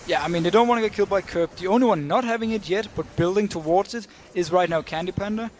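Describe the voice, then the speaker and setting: A man's voice: high voice, fast talker, a little mellow, slight background noise. A man giving analytical color commentary on an esports match, explaining the teams' strategy.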